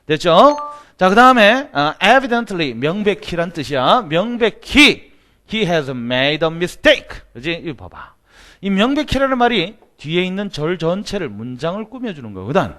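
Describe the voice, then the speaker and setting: A man teaching grammar in a casual lecture, often checking in with short tag questions and reading example sentences slowly. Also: high voice. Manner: lively, keeps asking for agreement with short tag questions; reads English examples slowly and deliberately.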